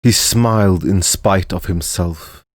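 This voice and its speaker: A man narrating a fantasy story in a measured, even storytelling way. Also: sits low, no echo, studio quality. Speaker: narrator and voice actor.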